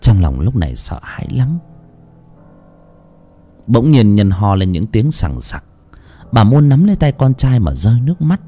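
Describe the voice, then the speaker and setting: A man narrating a horror story in a dramatic, expressive reading. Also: lowish voice, a little slow, pauses often, breathy edge. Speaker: audiobook narrator. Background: soft music.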